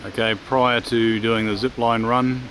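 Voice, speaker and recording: A man narrating a travel vlog outdoors in a forest park, matter-of-fact and unhurried, with frequent "uh" pauses. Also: mid-range voice, level tone, fairly bright tone. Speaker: travel vlogger. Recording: noisy outdoor ambience.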